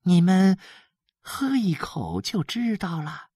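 A cheerful, caring mother speaks in a high, lilting, coaxing tone, as a man puts her on in an audiobook. She draws out her words slowly, and the sound is dry. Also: wildly swooping pitch, dark tone, breathy edge, no room sound, exaggerated voice.

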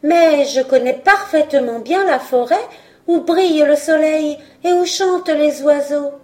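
A woman's voice: high voice, unhurried, dark tone, pitched above the performer's own voice. A woman reading a wistful proud fir tree. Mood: musing. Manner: wistful, self-assured musing. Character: proud nostalgic young male fir tree.

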